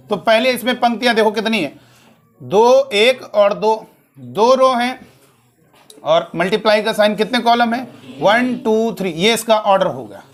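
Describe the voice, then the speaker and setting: A man delivers a classroom maths lecture in a fairly high voice. He repeats each rule several times and talks to his students warmly, calling them "beta". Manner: repeats key points, addresses students as beta; tells student anecdotes, acting out dialogue. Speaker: maths teacher.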